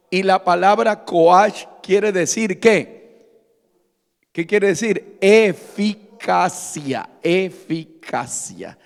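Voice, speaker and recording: High-pitched man preaching in a reverberant hall. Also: creaky. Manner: call-and-response preaching, asks the congregation and answers himself. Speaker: pastor. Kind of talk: sermon.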